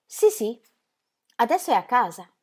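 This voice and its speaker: A woman's voice: on the high side, sing-song, moderate pace, darkish tone, breathy edge, voice pushed up. A woman reading as an eager, gushing young wife.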